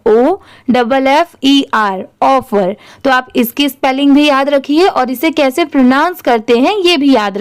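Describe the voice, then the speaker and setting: Patient woman English teacher, higher voice, deliberate unhurried delivery. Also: clean tone. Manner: spells words letter by letter, slow and patient. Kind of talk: spelling-out reading lesson.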